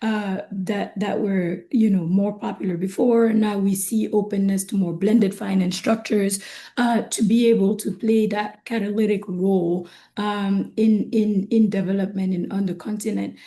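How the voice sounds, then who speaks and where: A woman speaking as a panelist on an online discussion, her voice hoarse and not its usual sound, talking in a measured way and often checking in with "right?". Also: medium pitch, steady tone, mellow. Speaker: panelist from an investment firm. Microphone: video call.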